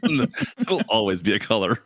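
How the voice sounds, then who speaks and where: A man appearing as a guest on a livestream, giving his opinions in a measured, hedging way. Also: fairly low pitch, huge pitch swings, a bit bright, slight background noise. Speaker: guest co-host. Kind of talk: casual livestream chat.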